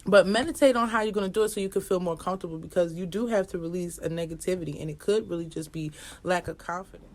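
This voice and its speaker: A woman's voice: on the low side, quick pace, darkish tone. A woman giving a casual astrology reading as an oracle card reader, rambling and repetitive, speaking straight to viewers and swearing now and then.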